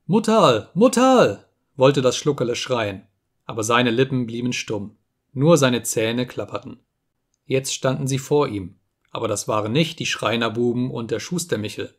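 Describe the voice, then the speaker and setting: A man reading a story aloud as an audiobook narrator, calm and measured, slowing on solemn phrases. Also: mid-range voice. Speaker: audiobook reader.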